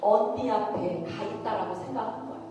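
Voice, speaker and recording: A woman's voice: medium pitch, a little fast. Woman missionary preaching in a big hall, long reverb, faint music behind. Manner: animated, questioning the audience. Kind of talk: storytelling sermon. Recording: echoey hall, distant mic, faint music.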